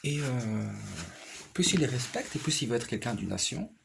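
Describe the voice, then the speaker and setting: A man's voice: mid-range voice, expressive, moderate pace, gravelly, background noise. A man talking casually and at length in a rambling way, repeating phrases and often checking that his listener follows. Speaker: piano player and teacher. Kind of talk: casual personal conversation.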